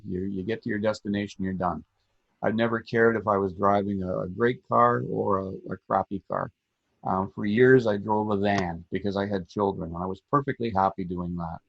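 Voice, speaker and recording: Middle-aged male critic, husky and gravelly, on a dull lo-fi track. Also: fairly low pitch, dry recording. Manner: measured, reflective storytelling. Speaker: podcast co-host, film critic. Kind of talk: casual film talk. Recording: dull lo-fi sound.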